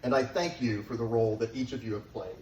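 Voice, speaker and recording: A middle-aged man giving a father of the bride wedding speech, sincere and affectionate, with deliberate pauses for the guests. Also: mid-range voice, fairly even intonation, darkish tone. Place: large room at a wedding reception, guests present. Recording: echoey, noisy room, distant microphone.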